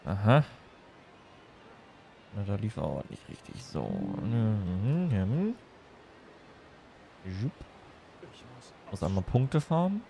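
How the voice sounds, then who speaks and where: While livestreaming a game, a man from Germany rambles casually and playfully from subject to subject. His fairly low, creaky voice is warm and very animated, yet he speaks extremely slowly and pauses often. There's a little hiss or hum in the recording.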